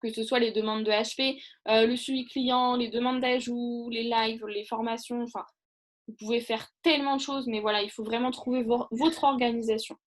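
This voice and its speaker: A woman's voice: on the high side, flat delivery, normal speed. Chatty woman with lots of fillers. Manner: chatty, rambling, many fillers and restarts. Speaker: online training presenter. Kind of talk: casual live training talk.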